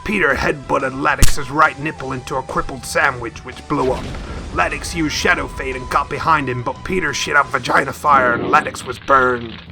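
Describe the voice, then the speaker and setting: A man narrating a silly, crude fight story in a deadpan, mock-epic storytelling style. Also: medium pitch, moderate pace, gravelly, over music. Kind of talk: comic scripted narration.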